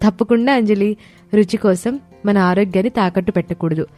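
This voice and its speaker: A woman voicing a calm, wise young daughter-in-law who is a doctor, giving gentle advice in an animated story. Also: mid-range voice, a little fast, faint music behind, close to an everyday voice. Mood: advising. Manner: gentle advising.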